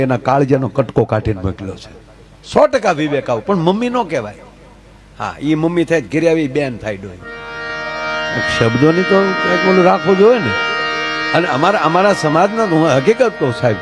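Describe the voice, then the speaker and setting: A man telling folk stories with humor, chatty and jokey, speaking directly to his audience. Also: on the high side. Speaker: folk storyteller.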